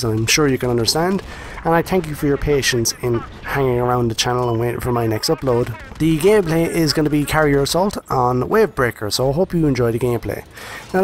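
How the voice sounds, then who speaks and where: A man's voice: mid-range voice, slight background noise. A man hosting his gaming channel, giving a casual, earnest review over gameplay footage and talking straight to his viewers. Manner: chatty, addresses viewers directly; earnest, repeats phrases for emphasis.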